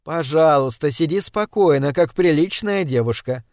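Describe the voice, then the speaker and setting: A composed, coldly courteous lady, read by a man in a soft, even, polite voice. Close and dry. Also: low-pitched, moderate pace, no echo. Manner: politely soothing, coldly calm. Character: cold composed lady leading the group.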